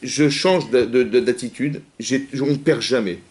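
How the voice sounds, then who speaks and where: A rabbi giving a lively Torah class, rapid and animated, acting out little dialogues as he answers questions. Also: medium pitch, background noise. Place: community hall.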